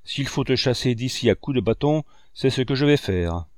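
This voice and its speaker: A man reading the lines of a harsh, greedy peasant man, gruff and threatening. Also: medium pitch, animated, moderate pace, a little mellow, no room sound, studio quality, natural voice. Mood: angry.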